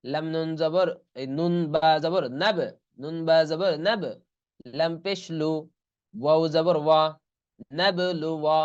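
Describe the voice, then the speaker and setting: A man's voice: a little high, steady tone, clear, resonant tone, lo-fi sound. A man teaching an online Quran reading lesson. He spells out letters and vowels one by one, then draws out each whole word. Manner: slow, deliberate letter-by-letter spelling, then drawing out whole words. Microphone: online class recording.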